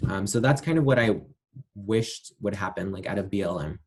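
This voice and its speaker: A man's voice: on the low side, normal speed, darkish tone, breathy edge. A man being interviewed, giving his views in a thoughtful, hedging way with many fillers. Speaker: interview guest. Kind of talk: casual interview answers.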